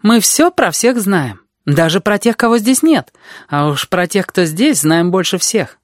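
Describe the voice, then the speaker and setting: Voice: mid-range voice, very animated, unhurried, no echo, studio quality, voice pushed up. A reader voicing a frail, sickly boy who talks in a playful, teasing way. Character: frail sickly boy, admired pet of the nurses.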